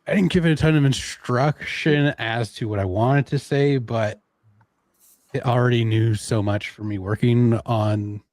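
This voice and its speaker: A man with a Canadian accent presenting a live software demo in a casual, chatty way, laughing now and then. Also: medium pitch, fairly even intonation, measured pace, no echo.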